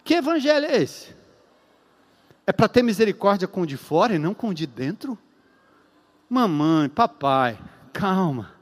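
A man preaching a sermon as a pastor, emphatic and repetitive, with long pauses and rhetorical questions. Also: high-pitched, very animated, long reverb tail.

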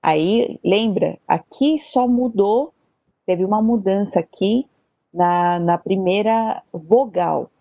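A woman's voice: medium pitch, takes it slowly, vocal fry, mellow, no echo, dull audio. A woman teaching Hebrew grammar, patiently repeating syllables and checking in with her class. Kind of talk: slow classroom explanation.

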